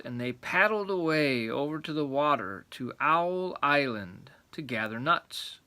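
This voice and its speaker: Bright-voiced man telling a grandpa story. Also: a little high. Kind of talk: children's storybook narration, read aloud.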